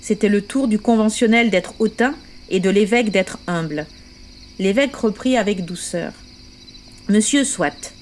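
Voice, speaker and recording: A woman's voice: mid-range voice, normal speed, darkish tone, a little hiss or hum. A woman narrating a classic novel as an audiobook, reading steadily and expressively.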